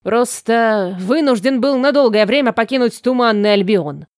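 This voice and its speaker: A woman's voice: fairly high pitch, expressive, normal speed, no echo, studio quality, natural voice. A woman voicing a haughty undead lich. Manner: indignant, haughty. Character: proud undead male lich sorcerer.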